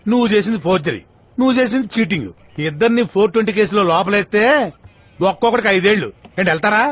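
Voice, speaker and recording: An actor playing a police officer who bosses and teases the people in front of him, in comic dubbed film dialogue. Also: male voice, sits high, fast, fairly bright tone, no echo. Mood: bossy. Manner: bossy and teasing.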